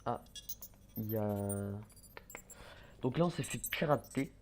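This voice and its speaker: Speaking slowly and expressively in a lowish voice, a young gaming YouTuber offers casual let's-play commentary. He stumbles through fillers and restarts and talks under his breath while playing, with faint noise in the background.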